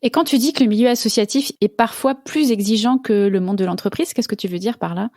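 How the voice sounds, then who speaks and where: A woman's voice: fairly high pitch, a little fast, dark tone, dry recording, studio quality. A woman hosting a podcast interview, asking follow-up questions in a conversational way.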